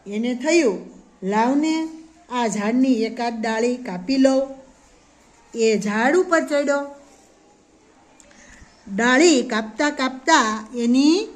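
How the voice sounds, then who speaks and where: A woman preschool teacher telling a story to young children, patient and slow, explaining harder words simply. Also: high voice, rough recording.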